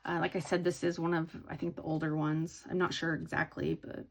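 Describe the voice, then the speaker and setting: This hobby vlogger speaks low and flat, fairly quickly, with vocal fry. Sleepy and yawning, she chats casually about her haul, rambling with lots of ums and false starts.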